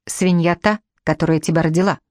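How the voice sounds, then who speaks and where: A woman's voice: lowish voice, steady tone, brisk, no room sound, clean studio sound, lightly acted. A woman playing a scornful young second wife. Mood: defiant. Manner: taunting, cutting.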